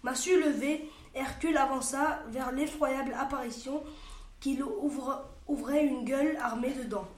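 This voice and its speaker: A woman's voice: high-pitched, steady tone, unhurried. A woman reading a storybook aloud carefully, with some restarts. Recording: roomy echo.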